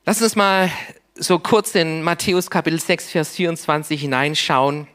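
A man preaching a sermon, speaking in short, deliberate phrases with long pauses, often dropping to a soft, low voice for emphasis. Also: steady tone, smooth.

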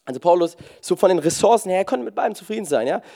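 Guy preaching, high voice, super casual, keeps saying hey, jumps loud then quiet. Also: expressive, creaky. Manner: casual, jokey, peppers talk with "hey"; swings loud and soft, fast and slow. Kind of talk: lively sermon.

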